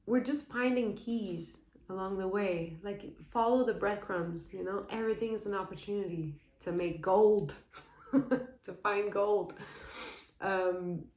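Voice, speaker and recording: A woman giving a casual, meandering tarot reading, soft and dreamy, often laughing. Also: mid-range voice, slow, echoey room. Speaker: tarot reader.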